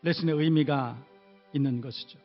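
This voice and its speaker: A man's voice: fairly high pitch, normal speed, long reverb tail, lo-fi sound, soft background music. A male pastor preaching a sermon in a church, emphatic, with repeated rhetorical questions. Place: church sanctuary.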